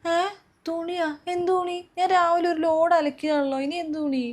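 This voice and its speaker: A woman's voice: very high-pitched, steady tone. A woman playing an exhausted, overworked sister-in-law who complains and rants in a comedy sketch. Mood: weary. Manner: complaining, rapid, exasperated. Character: overworked elder sister-in-law, weary and fed up.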